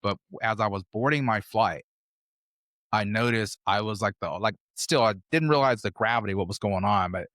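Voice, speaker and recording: A man's voice: lowish voice, moderate pace, a bit bright, no echo, clean studio sound. An American man in his fifties, a podcast guest telling his travel stories in a rambling, conversational way. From United States. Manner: rambling, conversational, loosely strung anecdotes. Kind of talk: casual interview storytelling.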